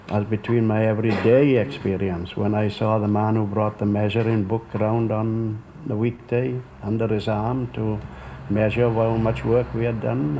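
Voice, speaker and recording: A man's voice: lowish voice, gravelly, mellow. A man with a South Wales accent, reflecting on his experience in an interview. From Rhondda, Wales. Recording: noisy archive interview recording.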